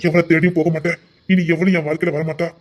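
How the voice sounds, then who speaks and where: A man's voice: on the high side, flat delivery, very fast, lo-fi sound, close to an everyday voice. A man voicing a pushy, devoted young suitor, murmuring half-whispered in an amateur audio drama. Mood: heartfelt.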